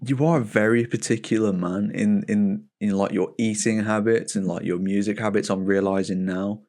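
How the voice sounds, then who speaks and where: A man's voice: fairly low pitch, steady tone, normal speed, darkish tone. A man chatting casually as a podcast co-host, with jokey, matey banter. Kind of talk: casual chat.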